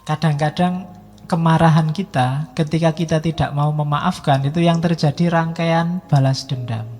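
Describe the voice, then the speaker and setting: A middle-aged man gives a lively public lecture in a slightly high voice. He talks casually and teasingly and draws out key words. The sound rings in a long hall echo with faint music underneath. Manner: conversational, teasing, drawn-out emphasis.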